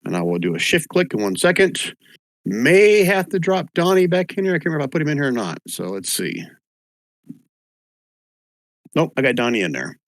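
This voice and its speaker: A man's voice: a little high, very animated, quick pace, no room sound. A man acting as game master, casually narrating and running a tabletop game.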